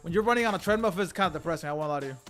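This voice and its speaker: A man hosting a live watch party, hyped and profane, shouting out his chat. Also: fairly high pitch, racing, faint music behind. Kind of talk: casual watch-party reaction.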